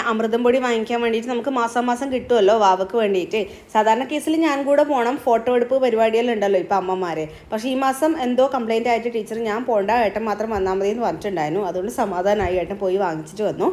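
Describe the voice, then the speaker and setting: A woman's voice: a little high, very fast. A young woman, chatting casually through a home vlog and explaining her cooking and her day as she goes. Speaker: family vlogger and mother. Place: home, indoors.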